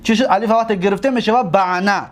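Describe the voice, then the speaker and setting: A man with a Tajik accent teaching a grammar lesson, repeating word forms and asking his pupils if they follow. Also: high-pitched. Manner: repeats forms and asks pupils checking questions. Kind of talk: recorded lesson on Arabic grammar.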